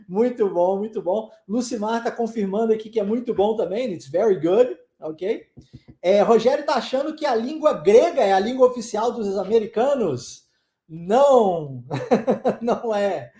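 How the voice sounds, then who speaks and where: A woman teaching English in a live online lesson, chatting with viewers, laughing often and checking in with quick questions. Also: medium pitch, lively intonation, dark tone, echoey room.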